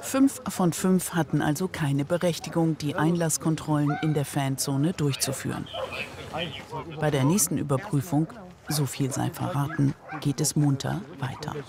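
A man narrates a TV documentary from a script, keeping it measured and neutral. His voice sits slightly high and has a gravelly, creaky grain. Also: fairly even intonation, crowd noise.

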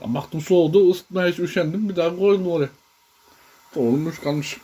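A man's voice: on the high side, moderate pace, dark tone, a little hiss or hum. A man vlogging casually from a village house kitchen, chatty and teasing, often breaking into laughs. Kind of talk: casual home vlog chat.

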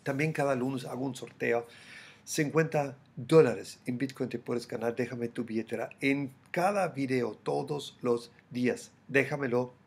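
A gravelly, slightly husky man in his forties speaks with a German accent, addressing the viewer directly as he runs through daily market commentary. He gestures a lot and keeps a lively, chatty manner. His webcam audio carries the feel of a small hotel room. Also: medium pitch, measured pace. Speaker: crypto YouTuber.

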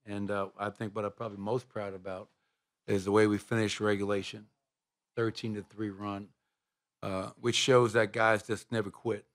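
In a press room in front of a sponsor backdrop, a middle-aged head coach of a basketball team fields postgame questions into a table microphone. His low voice stays steady and even, his answers measured, with plenty of "uh" and "you know" filling the gaps.

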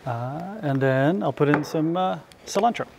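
This middle-aged chef has a fairly high but gravelly, darkish voice and a moderate pace. In an indoor hall before a small audience, he leads an informal live cooking demonstration in an easygoing, chatty style and invites questions, with slight background noise behind him.

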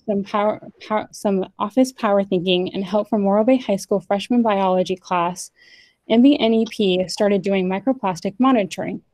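A young woman moderating a panel on a video call, reading the speakers' bios in a measured, scripted way. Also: mid-range voice, dark tone, dry recording, poor audio.

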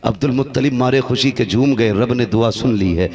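A man preaching a sermon who acts out the story voices, dropping to hushed lows and rising to shouted peaks. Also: a little fast. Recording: live crowd behind the voice. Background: crowd responding.

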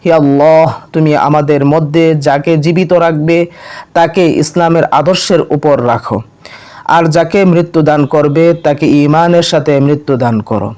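A man with a Bangladeshi Bengali accent narrates a religious lesson in a smooth, resonant voice. His pitch sits somewhat high for a man. He explains each step plainly and recites the prayers in a slow, measured chant. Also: steady tone, a little mellow. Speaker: religious instructor.

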